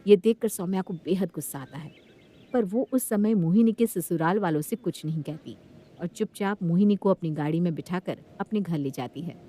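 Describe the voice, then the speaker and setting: A woman's voice: lowish voice, normal speed. Woman narrating a moral story. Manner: steady storytelling.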